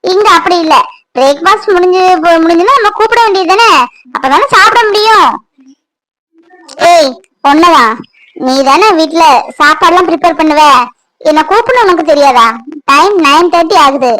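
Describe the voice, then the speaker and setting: A woman's voice: very high voice, animated, normal speed, sharp tone, heavily acted, poor audio. A woman voicing a demanding, bossy young sister-in-law in a cartoon, scolding. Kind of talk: Tamil cartoon voice acting.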